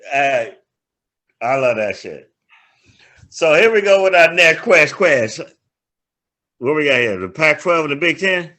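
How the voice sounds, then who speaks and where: A man's voice: fairly high pitch, measured pace, long pauses. An older man co-hosting a casual sports podcast, telling stories with lots of laughter and swearing. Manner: animated, laughing storyteller, swears freely. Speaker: podcast co-host, grandfather.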